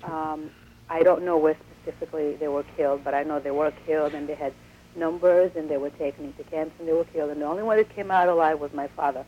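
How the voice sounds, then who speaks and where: A woman's voice: low-pitched, fairly even intonation, fast talker, a little hiss or hum. A woman calling in to a talk radio show over the telephone, upset and insistent, pressing her point in long runs. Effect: heard over a telephone line. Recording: dull lo-fi phone line.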